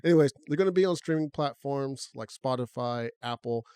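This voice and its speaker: As a podcast co-host, a man chats casually and thinks aloud, relaxed and conversational, talking right through his restarts. His medium-pitched voice runs a little fast and sounds clear and resonant, recorded at studio quality with no echo.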